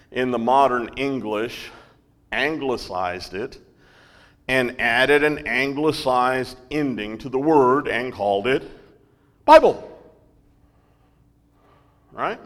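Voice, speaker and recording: A man's medium-pitched, slightly bright voice fills a large hall as he teaches a Bible lesson. His pace is slow, with frequent "right?" and "okay?" check-ins with the class.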